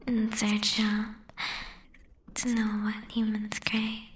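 Woman doing a teasing female dream spirit, soft giggly whisper, flat delivery, slightly high. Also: extremely slow, slight background noise. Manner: teasing, flirty. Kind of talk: whispered ASMR roleplay. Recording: roomy echo.

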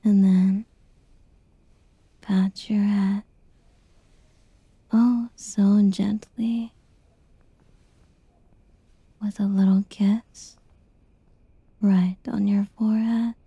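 A woman whispering a tender, reassuring girlfriend roleplay in a soft, soothing ASMR style. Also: mid-range voice, level tone, drawn-out words, long pauses, husky, dry recording, highs cut off.

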